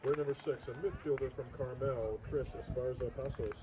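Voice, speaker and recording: A man calls out lineups as the announcer at an outdoor soccer field, in a measured, formal announcing rhythm. His voice sits in a middle register. Heavy outdoor noise rumbles under the recording. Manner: steady formal announcing cadence. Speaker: stadium announcer. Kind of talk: public address player introductions.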